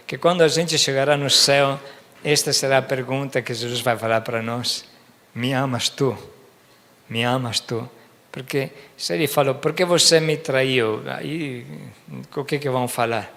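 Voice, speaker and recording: A man's voice: medium pitch, creaky, fairly bright tone. A priest preaching a homily in a conversational way, often checking that his listeners follow. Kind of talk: sermon. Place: church. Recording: long reverb of a church hall.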